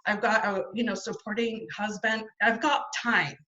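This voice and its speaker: A woman with a steady, mid-range voice, bright and forceful, speaks at normal speed, with the upper frequencies lost in the audio. Over a video call she tells her story as a casual interview guest, chatty and digressive, full of fillers and restarts, and her first language is not French.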